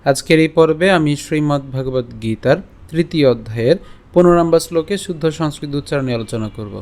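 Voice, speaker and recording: A man giving a recorded scripture lesson, explaining pronunciation step by step and reciting verses in a slow, deliberate chant. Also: on the high side, darkish tone, a little hiss or hum. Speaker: religious teacher.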